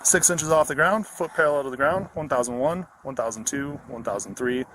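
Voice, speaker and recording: A man's voice: medium pitch, a little fast, a bit bright, a little hiss or hum, poor audio. A man working as a police officer, steadily explaining a roadside sobriety test step by step, recorded outdoors at night on a body-worn camera. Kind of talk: giving field sobriety test instructions.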